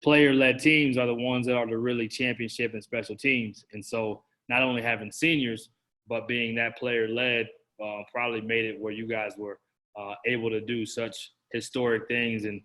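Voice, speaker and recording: A man's voice: medium pitch, little pitch movement, moderate pace, bright, forceful tone, low-quality recording. A man hosting a casual coaching interview, chatty and asking several questions in a row.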